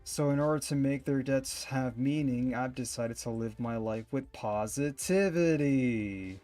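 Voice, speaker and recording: Young male streamer, middle pitch, dry joking asides over soft game music. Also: measured pace. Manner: casual, wry, swears in asides. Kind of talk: reading game dialogue aloud and commenting. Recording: faint game music behind.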